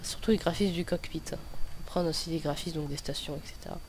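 A man's voice: on the high side, steady tone, fast talker. A young man with a lisp that slurs his s sounds, giving hesitant, rambling, self-correcting commentary over gameplay. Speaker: gaming video host. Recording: noticeable background noise.

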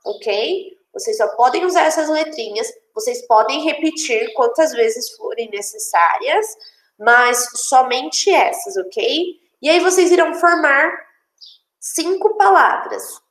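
A Brazilian woman teaches English to young children, explaining each line in Portuguese in a lively, animated way. Her pace is slow and deliberate, and her voice sits a little high. The room gives the recording a noticeable echo. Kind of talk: online class. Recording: echoey room.

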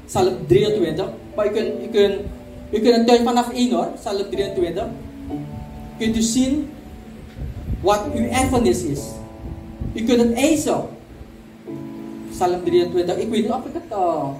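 A man's voice: very high-pitched, a little mellow. A man, preaching a sermon as a church elder, emphatic and repeating key words while calling out to the congregation. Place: church service hall. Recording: echoey hall, distant mic, music behind.

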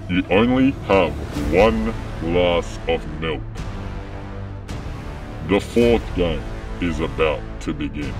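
A man's voice: deep voice, exaggerated voice. A man playing a cold masked game master, making formal, menacing announcements. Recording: distant voice over music.

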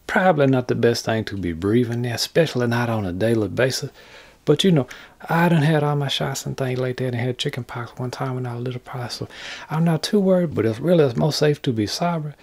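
Man, gravelly, husky, casual workshop vlog, folksy rambling. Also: mid-range voice, brisk, darkish tone. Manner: rambling, folksy, jokey talk to viewers. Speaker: craft channel host. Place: indoor workshop.

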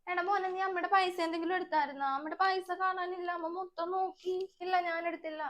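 A woman's voice: very high voice, fairly even intonation, quick pace, muffled recording. A woman voicing a self-pitying, nagging older mother-in-law who complains and accuses, in a comedic family skit. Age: 60s. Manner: whiny, accusing, theatrical complaining.

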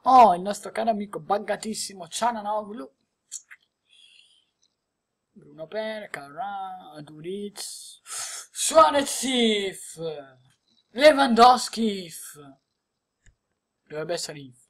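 A woman giving excited gameplay commentary as she opens card packs, exclaiming and laughing often. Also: medium pitch, slow pace, long pauses. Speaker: gaming video creator.

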